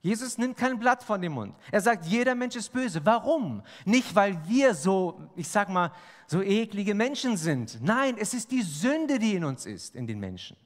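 High, lively preacher in a reverberant hall. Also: male voice, unhurried. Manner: emphatic, asks the congregation rhetorical questions. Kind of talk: sermon.

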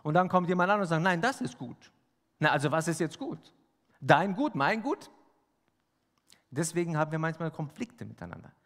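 Male preacher, high and animated, emphatic sermon full of rhetorical questions, long hall reverb. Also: fairly quick, long pauses.

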